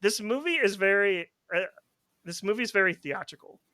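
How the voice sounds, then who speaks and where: A man's voice: high voice, expressive, normal speed, pushed and bright, no echo. A man hosting a film podcast, talking casually with frequent restarts and "like" fillers. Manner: rambling, many restarts and "like" fillers. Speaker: podcast host.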